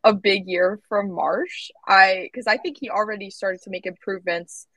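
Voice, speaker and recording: A woman's voice: mid-range voice, normal speed, pushed and bright, no echo. A woman guest on a podcast, chatting casually and hedging her points with fillers. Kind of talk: casual chat.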